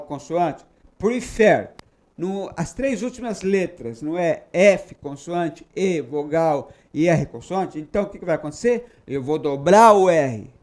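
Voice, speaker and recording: A man's voice: high voice, darkish tone. A man with a Brazilian Portuguese accent, teaching English grammar and checking in with "tá?" and "ok?". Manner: patient, repeats English examples slowly with checking tags like "tá?" and "ok?". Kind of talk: explanatory grammar lesson.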